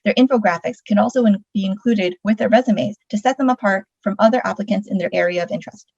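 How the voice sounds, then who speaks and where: A woman's voice: medium pitch, quick pace, gravelly, darkish tone, breathy edge, no room sound, dull audio. A woman reading a scripted presentation as one of its presenters.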